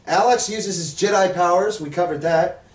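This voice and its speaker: Male wrestling-review co-host, casual and jokey, slightly high voice, roomy off-mic recording. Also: normal speed. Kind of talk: casual sports review chat. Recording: roomy, distant microphone.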